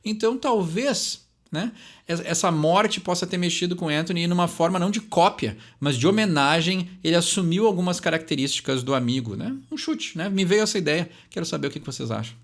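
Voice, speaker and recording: Chatty young Brazilian man, higher voice. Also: expressive. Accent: Brazilian Portuguese. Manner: chatty, fills pauses with "né?", reads English lines slowly. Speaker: channel host explaining song lyrics. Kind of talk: casual lyric breakdown.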